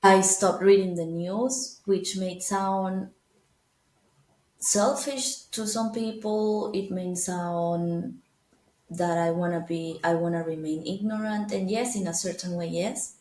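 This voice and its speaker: Speaking English with a Venezuelan Spanish accent, this Venezuelan woman appears as a guest in a casual interview, her voice echoing around the room. It sits on the low side, slow and a little mellow. She comes across as thoughtful and quick to laugh, with frequent fillers and restarts.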